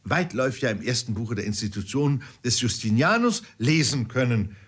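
A man's voice: mid-range voice, lively intonation, brisk, husky. A man reading an audiobook, voicing a pompous, learned older father who lectures emphatically. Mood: lecturing.

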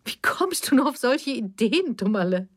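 A woman's voice: medium pitch, brisk, lightly acted. A bitter older mother, voiced by a woman reading an audiobook, reproachful and cutting, defensive to the core. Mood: dismissive.

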